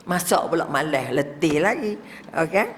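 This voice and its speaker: An older woman with a Malaysian Malay accent giving a religious lecture, lively, posing rhetorical questions and dropping to whispers to demonstrate prayer. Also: low voice, normal speed, a little hiss or hum. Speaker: religious teacher. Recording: reverberant hall.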